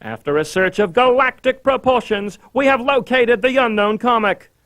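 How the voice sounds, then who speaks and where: A man's voice: very high-pitched, normal speed, fairly bright tone, no echo, soft background music. A man narrating a mock documentary with a dry, self-undercutting delivery.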